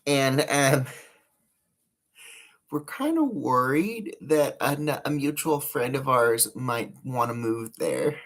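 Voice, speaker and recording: A woman hosting a casual live chat with an American accent that blends northern and southern sounds. She talks in a rambling, halting and frank way. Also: extremely low pitch, lively intonation. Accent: mixed northern and southern American. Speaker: livestream host.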